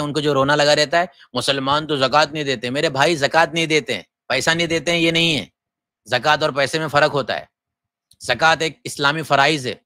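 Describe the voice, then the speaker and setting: Male mufti, slightly high, sharp-toned voice; forceful scolding lecturer. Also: dry recording. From Gujarat, India. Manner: forceful, scolding, many rhetorical questions. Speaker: mufti teaching Islamic law. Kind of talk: lecture on religious rules.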